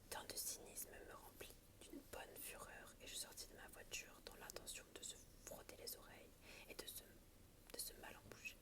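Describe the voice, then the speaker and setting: A woman reads a book aloud in a soft, unvoiced library whisper, in an ASMR style. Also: moderate pace. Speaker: ASMR reader.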